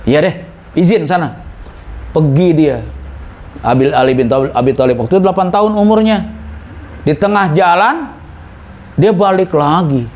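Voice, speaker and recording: A man's voice: high voice, moderate pace, pauses often. An older man, preaching a humorous sermon, joking and acting out dialogue at a mosque gathering. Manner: joking, lively, acts out dialogue.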